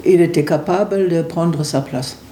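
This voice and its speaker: A man answering radio interview questions in a hesitant way, often pausing and searching for words. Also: on the high side, mellow. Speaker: interview guest. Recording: roomy echo with faint background noise.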